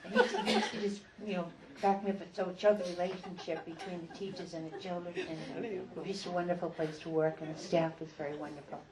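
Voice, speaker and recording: A woman's voice: fairly low pitch, fairly even intonation, fast, hardly any pauses, crowd noise. An older woman, a retired reading teacher, fondly telling stories at a community gathering. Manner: fond, storytelling. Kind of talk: reminiscing talk at a community gathering. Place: library meeting room. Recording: roomy echo.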